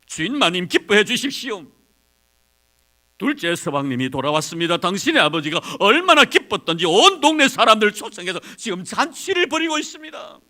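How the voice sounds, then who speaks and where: A man doing a breathless excited servant. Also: high-pitched, brisk, pitched above the performer's own voice, heavily acted.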